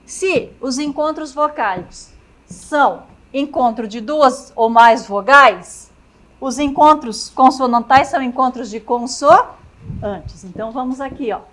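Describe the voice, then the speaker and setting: A woman's voice: high-pitched, a little slow, fairly bright tone. A woman teacher with a Brazilian Portuguese accent giving a grammar lecture at the chalkboard, often stopping to check that students follow. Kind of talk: classroom lecture.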